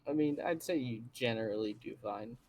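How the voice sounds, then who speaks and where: A man talking quickly as a guest on a live stream, his sentences trailing off softly. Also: mid-range voice. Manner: talks fast, trailing off softly. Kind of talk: casual chat.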